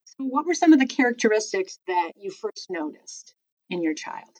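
A woman hosting a podcast interview, introducing guests and asking measured questions. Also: mid-range voice, sing-song, darkish tone, no room sound. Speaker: podcast host, executive director.

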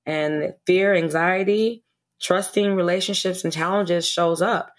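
A woman's voice: on the low side, steady tone, unhurried. A woman speaking as an early childhood educator on a podcast interview, earnest and passionate, often restarting and repeating words.

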